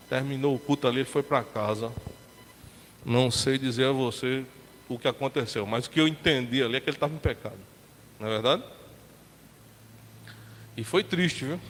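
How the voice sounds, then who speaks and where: A man's voice: on the high side, a bit bright. A man from Brazil, a pastor, preaching a sermon in a colloquial, chatty storytelling manner, acting out the people in his story. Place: church sanctuary. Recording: long church hall reverb, faint background hiss.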